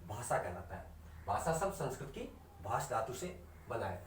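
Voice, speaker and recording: This Indian man's voice is medium-pitched and sing-song as he runs an online Hindi lesson. He quizzes students, supplies the answers himself, repeats important terms and slows way down for definitions, with faint background noise and a distant, echoey room sound.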